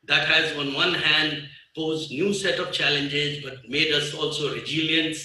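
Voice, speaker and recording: A man's voice: a little high, steady tone, sharp tone. Nepali-accented older man speaking in an echoey hall. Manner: emphatic, repeats key phrases, pauses with fillers. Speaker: business leader, guest speaker. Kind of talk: conference speech. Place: large conference hall. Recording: echoey hall, voice far from the mic.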